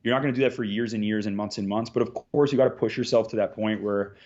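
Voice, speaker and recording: A man's voice: fairly low pitch, steady tone, fast talker, a little mellow, muffled recording. A man in his thirties, a jiu-jitsu competitor from Canada, talking casually in a podcast interview and rambling with lots of "like"s and restarts. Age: 30s. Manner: rambling, full of filler "like"s and restarts.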